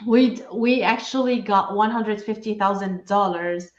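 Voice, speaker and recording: A woman's voice: mid-range voice, moderate pace. A middle-aged woman from Syria talks through a video call, earnest and chatty, with plenty of fillers and restarts. Her voice sits in the middle range. The sound is roomy and a little muffled. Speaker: guest, enrolled agent for nonprofits. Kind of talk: casual interview talk.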